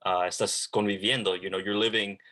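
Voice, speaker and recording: A man with a lowish, bright and forceful voice chats casually. He hedges with lots of "like" and "you know" and drops slang freely. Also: level tone, fairly quick. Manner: loose, slangy, hedging with many fillers. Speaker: former church member, podcast guest. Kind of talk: casual podcast chat.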